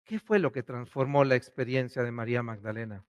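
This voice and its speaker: A man, a priest preaching a sermon, asking questions and swinging between loud and hushed delivery. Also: mid-range voice, fairly even intonation, a little fast, dull audio.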